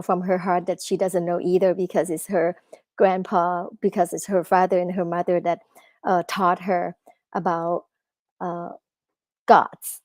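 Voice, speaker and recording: A Thai woman author gives a live talk at a book festival in a fairly low, darkish voice with no echo. She speaks halting non-native English, hesitant and full of fillers.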